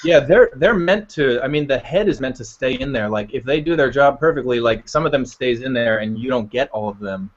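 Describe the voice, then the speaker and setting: A man's voice: mid-range voice, expressive, fairly quick, few pauses, dull audio. A man bantering on a casual comedy podcast, making dry joking asides. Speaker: podcast co-host.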